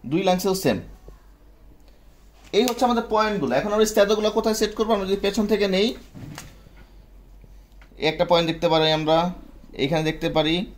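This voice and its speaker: A man's voice: high-pitched, fairly quick, long pauses, a little hiss or hum. A man teaching a medical class, often quizzing students and checking they follow. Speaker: medical instructor. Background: students answering.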